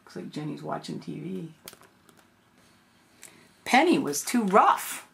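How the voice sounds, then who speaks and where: Slow, low-voiced grandma reading a storybook. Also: female voice, very animated, gravelly. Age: older. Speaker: grandmother reading a picture book aloud. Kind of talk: storybook read-aloud with casual asides.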